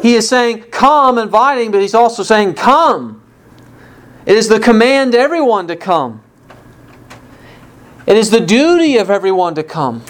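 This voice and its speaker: A man preaching a sermon with earnest emphasis, from the United States, lifting his voice on the quoted words. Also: high voice. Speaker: pastor.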